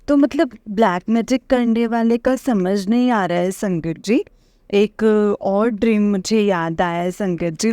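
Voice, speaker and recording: A woman tells a personal dream story at length. She wanders and restarts often, filling the pauses with small hesitations. Her voice sits at an ordinary middle pitch, and the recording is dry and close. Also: a little mellow, no echo. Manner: rambling, hesitant, many fillers and restarts. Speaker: devotee sharing a dream experience. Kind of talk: casual spoken testimony.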